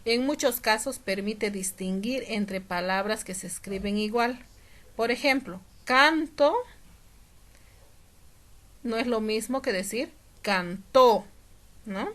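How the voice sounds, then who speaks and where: A patient woman teacher walks through a lesson, stretching out her example words and pausing to check understanding. Her voice sits at an ordinary middle pitch, steady and clear. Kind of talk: classroom lesson explanation.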